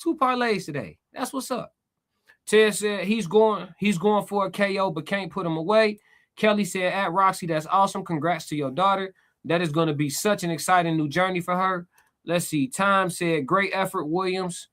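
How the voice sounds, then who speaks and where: An American man giving excited, emphatic fight commentary and casual stream chat, repeating phrases and swearing freely. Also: sits high, moderate pace.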